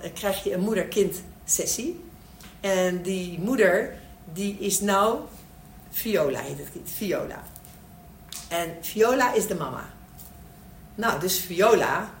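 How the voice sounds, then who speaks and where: Animated woman telling stories in an echoey room. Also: medium pitch, distant mic. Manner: animated storytelling, acting out the people in her stories. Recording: echoey room, speaker away from mic, faint noise.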